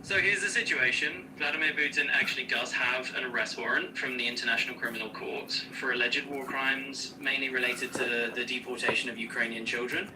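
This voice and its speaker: A man's voice serving as an AI co-host, answering questions in a smooth, upbeat, explanatory way with casual slang. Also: mid-range voice, fairly even intonation, a little fast, few pauses, far from the mic, background noise. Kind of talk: conversational Q&A co-hosting.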